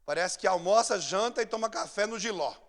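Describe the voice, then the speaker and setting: A man with a Brazilian Portuguese accent preaching a sermon, acting out scenes, swinging between shouts and hushed asides. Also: high-pitched, fairly quick. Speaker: pastor. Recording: long church hall reverb.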